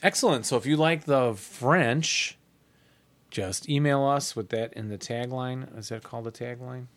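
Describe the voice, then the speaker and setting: A man's voice: mid-range voice, a little slow. A man chatting casually as host of a hobby podcast with a partner. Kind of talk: casual co-hosted chat.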